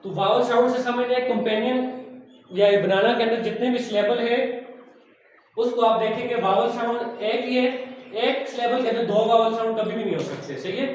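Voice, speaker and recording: A man's voice: very high-pitched, moderate pace, highs cut off. A man teaching a class and often checking with the students whether they follow, speaking. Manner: asks the class "सही है?" again and again. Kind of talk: classroom lecture. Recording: echoey classroom from far off, faint noise.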